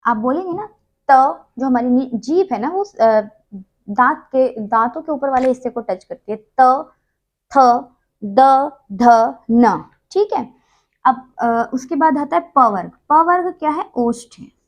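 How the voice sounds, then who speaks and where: A woman's voice: sits high, lively intonation, measured pace. A woman teaching a Hindi grammar lesson, patiently explaining and drawing out each consonant sound. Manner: uses many fillers.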